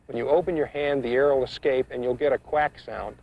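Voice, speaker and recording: Gravelly-voiced man giving step-by-step instruction. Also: mid-range voice, steady tone. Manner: measured, explanatory step-by-step delivery. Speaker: duck calling instructor. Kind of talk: instructional demonstration talk. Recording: muffled, dull 1990s instructional video sound.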